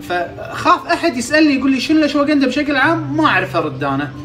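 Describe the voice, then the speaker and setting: A man's voice: very high-pitched, big pitch swings, rapid-fire, fairly bright tone, recorded from a distance, soft background music, full character voice. A man with a Kuwaiti accent playing an eager adult fan of the show who talks in a chatty, pleading way. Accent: Kuwaiti Arabic.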